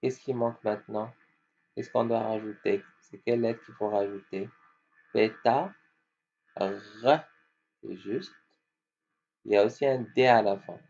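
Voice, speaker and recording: A man teaching young children to spell, slowly sounding out letters and syllables. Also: lowish voice, vocal fry, darkish tone. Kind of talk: phonics lesson for children. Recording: dull lo-fi with faint hum.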